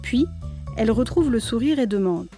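A woman with a high voice reads a children's storybook aloud. She tells it clearly and expressively. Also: lively intonation, moderate pace, dark tone, faint music behind. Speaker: narrator.

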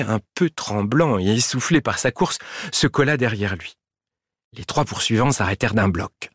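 A man reading a children's storybook aloud, lively and expressive, drawing words out. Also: fairly low pitch, slightly rough, dry recording, clean studio sound.

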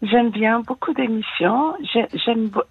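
A woman's voice: on the high side, measured pace, breathy edge, no echo, phone-quality sound. A woman in her sixties from France with a slight American accent, calling in to a radio show and talking hesitantly with many fillers. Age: 60s. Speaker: caller. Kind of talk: phone-in confession.

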